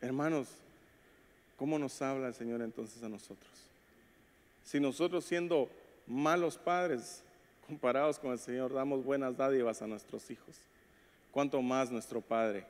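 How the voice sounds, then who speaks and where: Spanish-speaking pastor preaching in a reverberant church. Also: male voice, medium pitch, a little slow. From Latin America. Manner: preaches with acted quotes and call-outs to the congregation. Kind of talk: sermon. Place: church sanctuary. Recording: long hall reverb.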